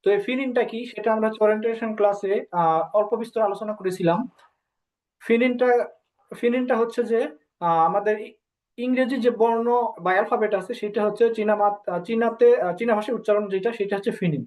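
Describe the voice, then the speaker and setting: A Bengali-speaking woman teaching a language lesson, often pausing with filler sounds and slowly drilling syllables one by one. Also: medium pitch, darkish tone. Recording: dull lo-fi recording.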